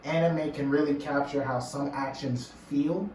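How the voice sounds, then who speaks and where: A man's voice: fairly high pitch, fairly even intonation, measured pace, a little mellow, recorded from a distance. A young man, the host's boyfriend, jumping in eagerly to explain things at length. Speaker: boyfriend chiming in. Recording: echoey room, off-mic, faint hiss.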